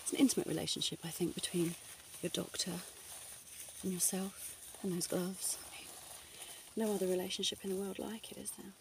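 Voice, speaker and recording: A woman plays a teasing lady doctor in an ASMR ASMR role-play. Her voice is soft with plenty of creak, coy and a little bossy. It is recorded with noticeable noise, a bit off the mic. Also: lowish voice, steady tone, a little fast, recorded from a distance. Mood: teasing, flirty. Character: flirty, teasing female doctor giving a check-up.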